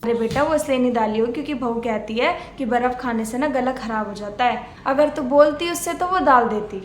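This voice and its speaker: A woman playing a gentle, soft-spoken older mother who calms and mildly scolds her daughter. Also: a little high, brisk, a little hiss or hum, natural voice. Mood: soothing. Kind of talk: homemade family skit acting. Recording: echoey room.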